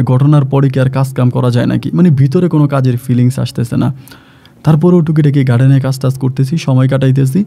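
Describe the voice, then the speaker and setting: Fast gravelly man telling a story. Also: medium pitch, warm tone. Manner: rambling, repeats himself. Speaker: migrant worker gardener. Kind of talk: casual first-person storytelling.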